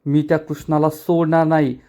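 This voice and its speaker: A man's voice: a little high, level tone, moderate pace, warm tone, close to an everyday voice. A man voicing a spiteful, scheming young woman from a TV serial, scolding and indignant. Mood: angry.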